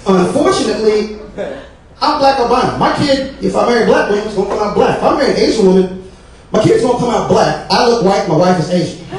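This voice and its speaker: High-voiced male stand-up comic, echoey club. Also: lively intonation, quick pace. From American South. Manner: profane, rambling, filler-heavy delivery. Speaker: stand-up comedian. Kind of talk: stand-up comedy set. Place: comedy club stage. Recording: very echoey club, mic distant, crowd laughter. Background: audience laughter.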